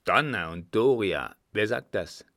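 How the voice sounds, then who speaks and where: A blustering old field marshal booms out blunt oaths in a low, gravelly voice, as a male reader puts him on. He speaks slowly and heavily. The storybook recording is close and dry. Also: lively intonation, no room sound. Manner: loud blunt outbursts and oaths.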